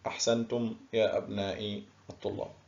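A male primary school teacher giving a recorded lesson, stretching key words slowly and praising his pupils often. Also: fairly low pitch, flat delivery, gravelly, a little mellow, dull audio. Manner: slow, drawn-out word stress, praising pupils.

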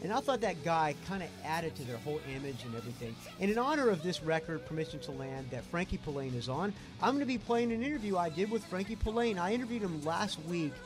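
A man's voice: on the high side, big pitch swings, fast talker, few pauses. A man with a Southern US accent hosting a rock podcast, talking in an enthusiastic, rambling way. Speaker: podcast host. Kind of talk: casual podcast intro and interview. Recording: rock music playing underneath. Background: rock music.

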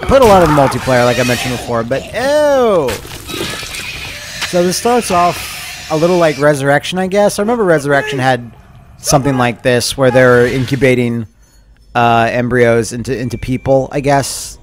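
A young man doing excitable, crude, jokey let's play commentary, breaking into loud bursts. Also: mid-range voice, brisk, over music. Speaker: gaming commentator.

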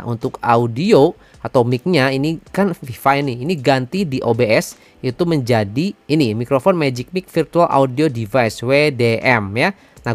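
A man's voice: medium pitch, no room sound. Casual man presenting a tutorial. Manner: informal, addresses viewers as friends.

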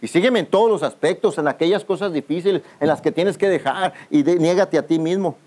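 A man's voice: on the high side, fairly quick, a little mellow. A man, a pastor, preaching a youth camp sermon, often addressing listeners as brother and calling for their answers. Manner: calls out to the congregation for responses. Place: outdoor youth camp gathering.

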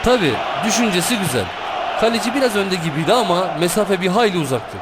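A fast-talking male football pundit, analysing the match with lively, swinging intonation. A loud stadium crowd roars behind his conversational remarks. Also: sits high, heavy background noise. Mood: analytical, engaged. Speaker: football colour commentator. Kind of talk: football video game co-commentary.

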